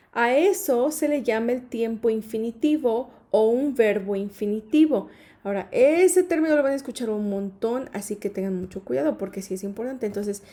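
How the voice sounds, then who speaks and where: A woman teaches English grammar in a patient, repetitive way, checking in often with her students. Her voice sits a little high but sounds mellow and warm. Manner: patient, repeats points with "¿sí?" and "¿ok?". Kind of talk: explaining grammar.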